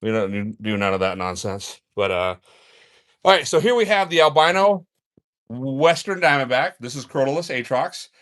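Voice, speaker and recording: A man hosts a live feeding stream in an indoor snake room, talking into a handheld phone camera. His pitch sits in the middle. He sounds relaxed and chatty as he coaxes the animals and answers his viewers. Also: normal speed. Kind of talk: casual live-stream narration.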